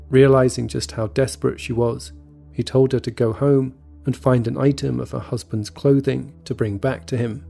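A man narrating a scripted true story in a measured, even storytelling manner. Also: medium pitch, creaky, breathy edge. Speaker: podcast narrator. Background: faint background music.

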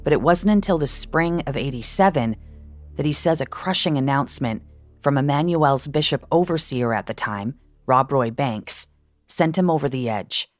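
A woman works as a true crime narrator, reading a scripted podcast. Her voice sits low, recorded close and dry. Faint music plays behind her. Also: moderate pace, no echo.

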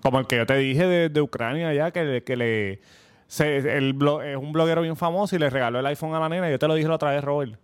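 A man's voice: on the high side, fairly quick, clean tone. A man reacting and chatting casually on a podcast, swearing freely. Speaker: podcast co-host.

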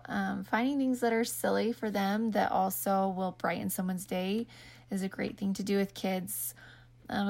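A woman's voice: mid-range voice, vocal fry. A young woman, out of breath, giving an informal prepared talk as a podcast guest. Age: young adult. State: out of breath from late pregnancy. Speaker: podcast guest, small business founder.

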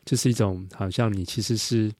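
A man's voice: lowish voice, fairly even intonation, brisk, darkish tone, no echo, clean studio sound. A man hosting a casual conversation, giving many short replies as he listens. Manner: frequent short backchannel replies. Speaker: podcast host.

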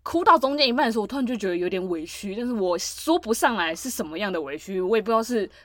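A woman's voice: mid-range voice, animated, very fast, no echo, clean studio sound. A woman, co-hosting a podcast and telling a long, rambling story full of fillers. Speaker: podcast co-host. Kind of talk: casual chat.

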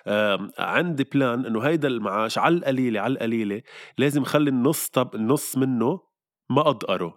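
A man's voice: medium pitch, no echo, clean studio sound. A man with a Lebanese Arabic Levantine accent in a casual podcast chat, playful and repeating himself for emphasis.

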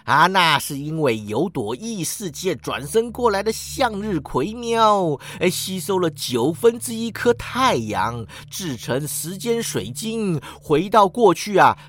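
A man's voice: sits high, sing-song, a little slow, hardly any pauses, a bit bright, heavily acted. A man reading a story, voicing a smug, lazy male talking orange cat that ends its lines with a meow.

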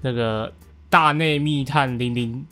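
A man competing in a casual quiz, chatty, answering fast and filling pauses with fillers. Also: medium pitch, fairly even intonation, bright, forceful tone, faint music behind. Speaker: quiz contestant. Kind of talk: casual banter.

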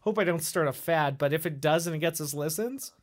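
A young man co-hosting a podcast, joking in a deadpan, teasing, mock-serious way. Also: fairly high pitch, brisk, slight background noise. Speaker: podcast co-host. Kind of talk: casual joking chat.

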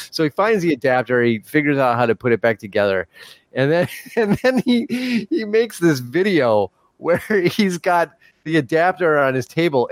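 A man's voice: medium pitch, no echo. A man hosting a podcast in casual chat, telling stories with frequent laughs and fillers. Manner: chatty storyteller, laughs often, many fillers. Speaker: podcast host.

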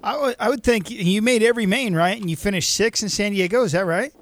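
High-voiced wisecracking male co-host. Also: fast, a bit bright. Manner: chuckling, wisecracking. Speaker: radio co-host. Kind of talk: casual radio interview.

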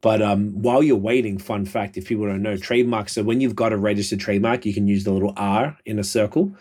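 A man's voice: on the low side, steady tone, fast, darkish tone. A man hosting a casual podcast, talking in slang and swearing freely. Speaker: podcast host. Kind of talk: casual profane podcast chat.

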